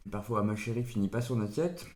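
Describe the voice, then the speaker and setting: A man's voice: fairly low pitch, fairly quick, a little mellow, a little hiss or hum. A man hosting a casual food-tasting vlog at home, playful and punning, with mock-solemn verdicts. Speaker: food reviewer. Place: home, at the table. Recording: roomy echo.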